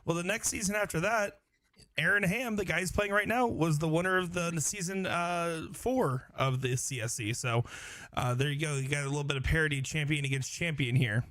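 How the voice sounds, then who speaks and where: A man's voice: on the high side, brisk, a bit bright, no echo. A man giving casual live commentary and updates on a darts match.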